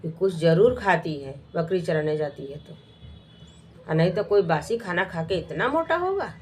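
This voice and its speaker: A woman's voice: lowish voice, lively intonation, normal speed, darkish tone, a little hiss or hum, lightly acted. A woman voicing a harsh, scheming stepmother, speaking in a scolding, suspicious way.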